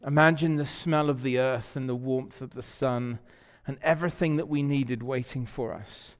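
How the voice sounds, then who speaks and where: With a mid-range voice, a steady tone, and a measured pace, this pastor preaches conversationally in a church sanctuary. He tells stories warmly and tends to repeat words as he searches for the next, with the church hall's reverb audible throughout.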